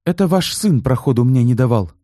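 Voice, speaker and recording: A defiant young woman, voiced by a male reader, high and cutting in her protests. The lines swing widely in pitch, close and dry. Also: lively intonation, fairly quick, no echo, natural voice. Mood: indignant. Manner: indignant, sharp.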